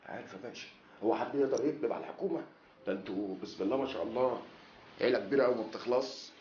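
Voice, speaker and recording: Nervous egyptian snitch played by a man, talks super fast, roomy muffled audio. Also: mid-range voice, a little mellow, slight background noise, natural voice. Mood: pleading. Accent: Egyptian Arabic. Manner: fawning, pleading. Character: nervous male neighborhood informer. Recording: echoey, dull film audio.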